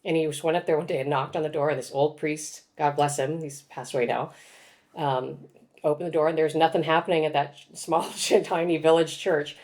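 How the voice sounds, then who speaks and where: A woman's voice: sits low, fairly even intonation, fairly quick, a little mellow. A woman in her forties, a guest author, telling her story in reflective, casual conversation with frequent laughs.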